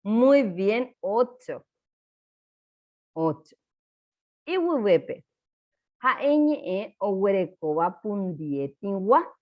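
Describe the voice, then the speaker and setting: A woman teacher leads a lesson at an extremely slow pace, drawing out each syllable so students can repeat after her. The recording is dull and lo-fi. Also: mid-range voice, big pitch swings. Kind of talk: classroom lesson.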